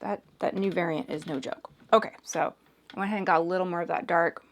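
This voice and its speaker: A hoarse woman in her forties chatting casually as she does her makeup, hedging with "like" and "sort of". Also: fairly low pitch, steady tone, fast. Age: 40s. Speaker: makeup reviewer. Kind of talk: casual chat while doing makeup.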